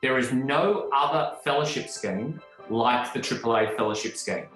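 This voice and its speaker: A man's voice: medium pitch, normal speed, a bit bright, soft background music. A man, a medical scientist and professor, explaining his work confidently in a video testimonial. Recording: echoey room.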